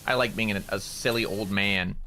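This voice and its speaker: A VTuber streamer chats casually while playing a game, rambling loosely with plenty of "like" fillers. His voice is fairly low, with fairly even intonation, and sounds pushed and bright at a normal speed. A little hiss or hum runs under the audio.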